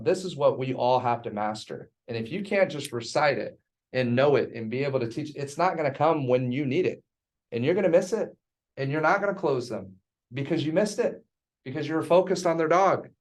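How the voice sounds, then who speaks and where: A man's voice: on the high side, animated, normal speed. A man teaching a real estate sales class in an emphatic, teasing way.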